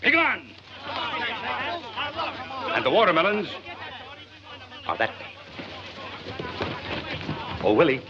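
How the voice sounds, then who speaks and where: An actor playing a glib, jovial carnival leader with grand folksy speechifying in a 1940s film comedy. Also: male voice, fairly high pitch, wildly swooping pitch, takes it slowly, pauses often, a crowd in the background, exaggerated voice. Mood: jovial, showy. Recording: dull old film soundtrack, music behind.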